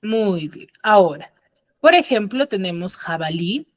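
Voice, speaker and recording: Unhurried and expressive, a mid-range female voice guides an online class over a video call's computer mic. She is patient, stops frequently to check her students understand, and there is no room sound.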